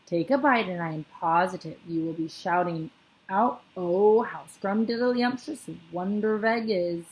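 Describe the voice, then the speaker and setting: A woman's voice: a little slow, lightly acted, low-quality recording. Woman doing a kindly, eager friendly giant. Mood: eager, innocent. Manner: higher, eager, mangled grammar. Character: big kindly male giant, timid but clever.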